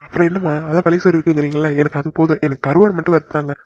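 A voice actor playing a fast-talking cartoon village son. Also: medium pitch, steady tone, a little mellow, muffled recording, natural voice. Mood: warm. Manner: soothing, reassuring. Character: gentle young adult son back home from the city. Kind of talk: cartoon voice acting.

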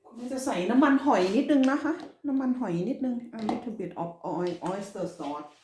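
A middle-aged woman from Thailand chatting casually while cooking at home, switching between Thai and halting English and stumbling over some English words. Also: medium pitch, sing-song. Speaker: cooking vlogger. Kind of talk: casual cooking vlog chat. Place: home kitchen. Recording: echoey kitchen with clear background noise.

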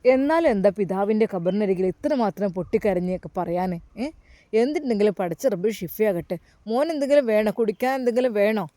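A man's voice: sits high, lively intonation, a little fast, warm tone, no echo. A woman voicing a kindly elderly male mosque caretaker who coaxes a grieving young man with tender questions. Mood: gentle coaxing. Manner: coaxing, repeats tender address, many questions.

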